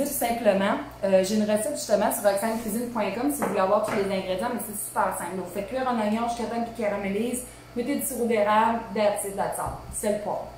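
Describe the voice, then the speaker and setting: A woman in her thirties with a Québécois accent, hosting a casual live cooking demo from her home kitchen, chatty and informal with many asides. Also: medium pitch. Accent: Québécois French. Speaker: cooking show host. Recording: very echoey room, faint hum.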